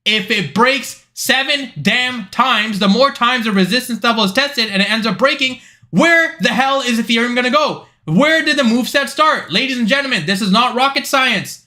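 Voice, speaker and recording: A young man with a high, bright voice hosts a live trading stream. He talks in a blunt, emphatic way and swears freely. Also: normal speed. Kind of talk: live stream chart commentary.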